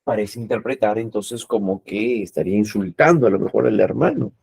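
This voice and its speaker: A low, gravelly-voiced man lecturing as a teacher. He explains patiently, with a husky, dark tone. The sound is dry and close. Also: brisk, no echo. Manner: explains patiently with frequent "¿no?" and "eh" tags.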